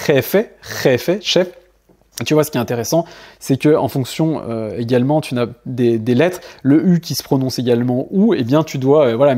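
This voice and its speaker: A man giving an online language lesson, hesitating often and repeating example words slowly and carefully. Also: mid-range voice, dark tone. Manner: hesitant, many fillers, slow careful word repetitions. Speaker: Spanish teacher.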